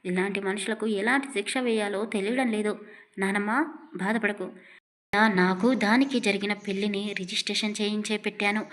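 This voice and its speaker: A woman's voice: mid-range voice, steady tone, brisk, natural voice. Hot-tempered young husband, proud and remorseful, read by a woman narrator, storybook drama. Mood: angry. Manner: agitated, self-reproaching.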